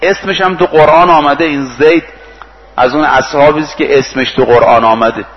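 A man's voice: on the high side, in a large hall, highs cut off. A male preacher giving a sermon. He retells stories, acts out the speakers' lines and recites Arabic verses. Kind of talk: sermon with storytelling.

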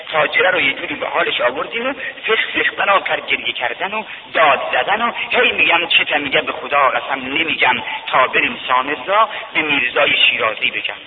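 A man telling a story as a sermon, with dramatic rising cries and drawn-out emphasis, heard through a tinny radio broadcast from a mosque hall. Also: a little high, a little hiss or hum. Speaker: preacher. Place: mosque over loudspeaker.

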